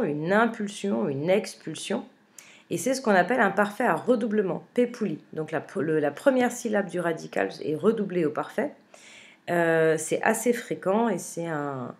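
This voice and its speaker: Woman, Latin teacher; fairly low voice, patient word-by-word glossing, halting delivery full of fillers. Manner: hesitant, with frequent "euh" fillers and restarts; reads Latin slowly, then glosses it word by word. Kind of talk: remote lesson, explaining a translation.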